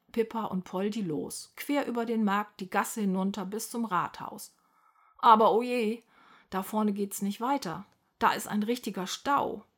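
A woman reads a children's storybook aloud at a middling pitch, lively and expressive. Her voice is soft and slightly husky, with a breathy edge. She moves easily between narration and the characters' lines.

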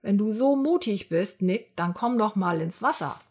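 A woman's voice: mid-range voice, expressive, moderate pace, a little mellow, breathy edge. A woman voicing a male sheep in a children's story, teasing in a plain storytelling voice. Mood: mocking. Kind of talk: storybook read-aloud.

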